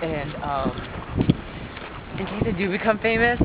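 A man's voice: sits high, animated, a little slow. A young man in his late teens rambling and giggling through a casual home video, recorded outdoors on a hike with old camcorder audio. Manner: rambling and giggly, many fillers. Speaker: student retreat leader. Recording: tinny lo-fi camcorder audio with loud outdoor noise.

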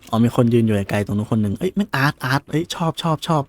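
A man giving casual, excitable gameplay commentary, swearing casually and exclaiming often. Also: mid-range voice, racing, no echo. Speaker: gaming video creator. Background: faint game soundtrack.

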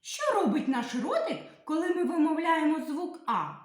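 A woman's voice: high voice, sing-song. A woman teacher giving a literacy lesson to young children, asking questions, answering them herself and drawing out the vowel sounds. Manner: sing-song, drawn-out sounds, questions then answers to children. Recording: echoey room.

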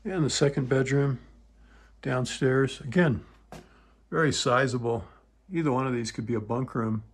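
A man's voice: mid-range voice, fairly even intonation, normal speed, slightly rough. A man walking through a home as a real estate agent, listing features in short, clipped phrases. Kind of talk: property walkthrough narration. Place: indoors, walking through a wooden townhome.

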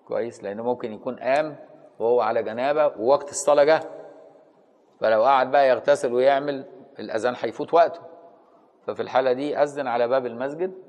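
A man with an Egyptian accent gives a fast-paced lesson on Islamic law, moving between reading a classical text and explaining it casually. His mid-pitched voice carries the long reverb of a large hall. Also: a little mellow. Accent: Egyptian Arabic. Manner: reads a passage, then explains it in everyday speech with check-in questions.

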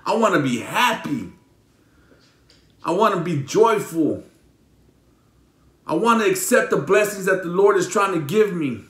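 A man preaching a sermon as a pastor, emotional and repetitive, with many restarts, moving between loud preaching and hushed pleading. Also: sits high, lively intonation, unhurried, long pauses, reverberant.

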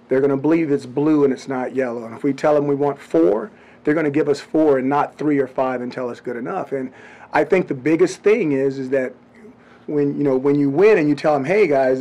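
A middle-aged man, a head football coach, giving blunt, measured answers at a postgame press conference into table microphones. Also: fairly high pitch, mellow. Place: press room before a branded backdrop.

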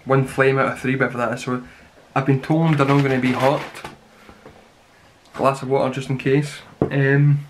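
A man in his twenties reviews snacks in a casual, rambling way, with a mid-pitched voice. He grumbles in deadpan fashion and swears mildly. The recording is a clearly noisy home one, made on a camera mic in a small room. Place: small plain room indoors.

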